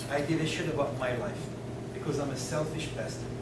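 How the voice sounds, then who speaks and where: A man's voice: medium pitch, steady tone, brisk. Blunt man in an echoey room. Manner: blunt, provocative, mixes Armenian into English. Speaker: guest speaker. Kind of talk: informal talk to a student group. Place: college meeting room. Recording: echoey room from a distance, noisy.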